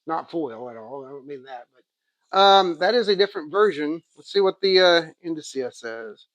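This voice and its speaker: This man's voice is a little high and a bit bright, with lively intonation and a moderate pace; the audio is dull and has no room sound. Speaking in an Oklahoma accent, the comics channel host rambles through a casual show-and-tell review, thinking aloud about what he got.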